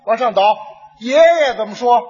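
A male straight man, needling his partner with quiz questions and laughing asides. His voice is very husky and very high for a man. It rings with a long hall reverb on a dull, lo-fi recording. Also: animated, normal speed, a little mellow. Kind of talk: stage crosstalk comedy. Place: stage before a live audience.

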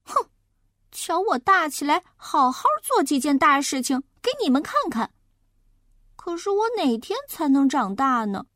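A woman voicing an impatient, careless schoolboy in a children's story, talking quickly and fretfully. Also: sits high, animated, fairly bright tone, no echo, studio quality, pitched above the performer's own voice. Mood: sulky.

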